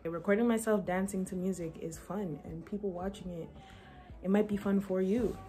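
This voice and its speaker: A woman's voice: medium pitch, steady tone, moderate pace, dark tone. A young woman vlogging on her phone in a chatty, slangy, playful way. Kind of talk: casual vlog chat. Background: music playing.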